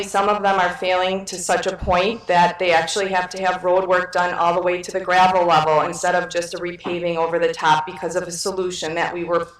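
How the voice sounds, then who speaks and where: Woman candidate, lowish voice, earnest, distant echoey hall mic. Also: fairly bright tone. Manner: measured, earnest with filler ums. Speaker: trustee candidate. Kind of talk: candidate forum answer.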